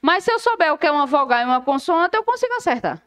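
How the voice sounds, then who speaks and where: A woman with a high, bright voice gives a law lesson for exam prep. She is lively and keeps questioning her students, then answers the questions herself. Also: fast talker. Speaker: law teacher.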